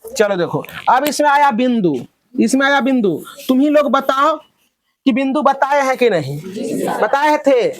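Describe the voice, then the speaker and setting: A man's voice: very high voice, lively intonation, a little slow. A middle-aged male math teacher, lecturing a classroom of children and firing questions for them to answer back. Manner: loud call-and-response questioning of pupils.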